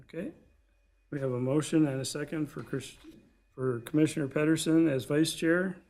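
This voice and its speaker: A man with a measured, gravelly delivery, speaking formally as the chair of a commission meeting. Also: on the high side, fairly even intonation, darkish tone. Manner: measured, procedural. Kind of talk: formal procedural meeting talk. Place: public meeting room.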